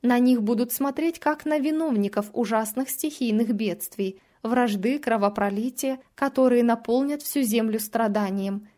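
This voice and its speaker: A woman giving a measured, solemn reading of a devotional religious text. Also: a little high, dark tone.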